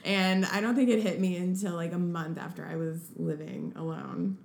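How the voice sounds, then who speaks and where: A woman's voice: on the low side, animated, normal speed, creaky. A young woman chatting casually in an upbeat, easygoing way, with lots of "like" and "you know" fillers. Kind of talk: casual chat. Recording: echoey room.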